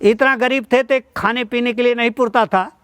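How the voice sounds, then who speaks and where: A man's voice: very high-pitched, fairly even intonation, normal speed, a bit bright, smooth, dry recording. A man preaching a devotional sermon. He quotes verses and tells a moral parable to the devotees. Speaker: satsang preacher.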